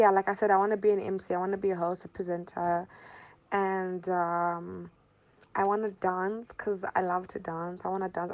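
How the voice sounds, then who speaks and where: A bubbly young woman from Zimbabwe talks casually as an interview guest. She laughs often and circles back over her words. Her pitch sits in a middle range for a woman. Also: highs cut off. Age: 20s.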